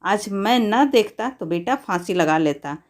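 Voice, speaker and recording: A woman narrator gives voice to a storybook father scolding his wife after a scare. She does not lower her voice for him and keeps her own mid-pitched reading tone. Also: lively intonation, measured pace, close to an everyday voice. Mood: angry.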